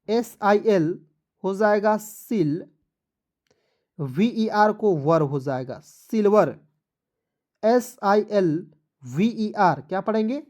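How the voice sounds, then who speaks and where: A man's voice: sits high, darkish tone. A man teaching English online, spelling each word letter by letter, asking how it is read, then answering and checking that viewers follow. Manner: repeats each word slowly. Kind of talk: spelling-out language lesson.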